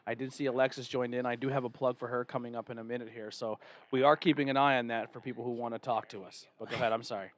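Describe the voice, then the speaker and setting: A man hosting a wrestling podcast, telling excitable anecdotes and addressing the live chat. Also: medium pitch. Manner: fast, excitable anecdote teller. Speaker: podcast host.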